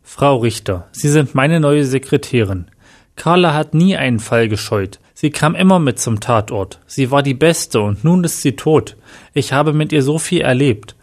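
A man's voice: medium pitch, expressive, moderate pace. A man reading as a curt, self-assured detective. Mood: brisk. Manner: curt, impatient. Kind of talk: audiobook reading.

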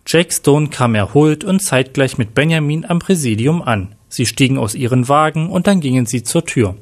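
A man's voice: mid-range voice, normal speed. Man narrating a crime story. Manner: plain, steady storytelling.

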